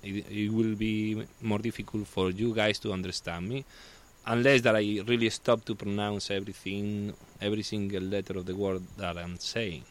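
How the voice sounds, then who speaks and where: A Spanish man with a Spanish accent chats casually as a guest. His voice is lowish and steady, and he halts and restarts while searching for words.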